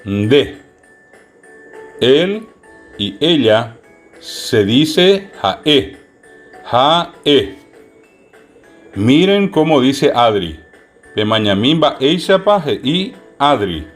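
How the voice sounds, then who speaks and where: A man teaching children a language lesson, repeating each word slowly and clearly. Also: medium pitch, sing-song, faint music behind. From Paraguay.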